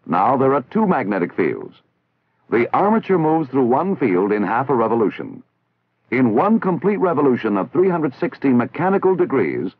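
Casting: American man for vintage army instructional narration, measured and didactic with animated intonation, through tinny old film audio. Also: mid-range voice, breathy edge. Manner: formal, measured, didactic enunciation. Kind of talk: scripted instructional narration, 1960s military training film. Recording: tinny, band-limited 1960s film soundtrack.

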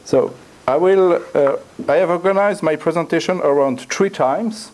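A middle-aged guest lecturer with a French accent stands at a lectern in a university room giving an academic talk. His voice is a little high and a little mellow, and he often halts and repeats words while searching for the right phrasing.

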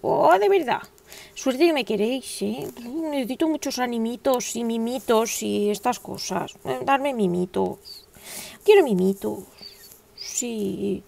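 Chatty gravelly-voiced woman. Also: fairly high pitch, mellow. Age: 40s. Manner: chatty, rambling and self-mocking. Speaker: crochet channel host. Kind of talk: casual chat while crocheting.

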